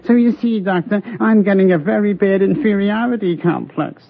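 A man's voice: high-pitched, moderate pace, gravelly. A man voicing a self-pitying male bathroom germ in a radio ad sketch, complaining mournfully. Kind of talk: 1950s radio ad comedy sketch. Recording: tinny old radio broadcast.

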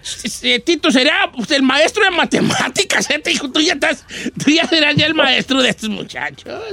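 A man's voice: extremely high pitch, animated, fairly quick, vocal fry, bright, forceful tone, exaggerated voice. A man voicing a chatty old Mexican grandfather who hosts a comic news show, rambling and folksy with a Mexican accent. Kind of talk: comedy radio banter.

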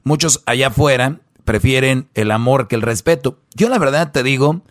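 A man's voice: medium pitch, moderate pace, dry recording, studio quality. A man hosting a radio advice show, talking conversationally and opinionatedly, repeating points and posing rhetorical questions.

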